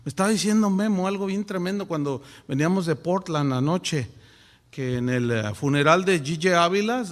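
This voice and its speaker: A male pastor preaching a sermon in an animated way, with rhetorical questions and acted-out quotes. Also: a little high, moderate pace, in a large hall. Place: church.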